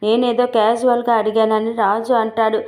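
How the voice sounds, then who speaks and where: A woman narrating a TV serial episode recap in a steady storytelling way. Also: fairly high pitch, brisk. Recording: tinny, roomy phone-like recording.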